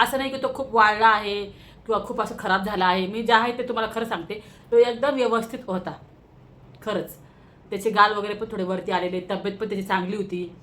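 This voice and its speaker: A woman's voice: mid-range voice, fairly bright tone. A woman with a Marathi accent, vlogging casually about a personal matter, telling it in an emotional, rambling way with many fillers, recorded on a phone at home.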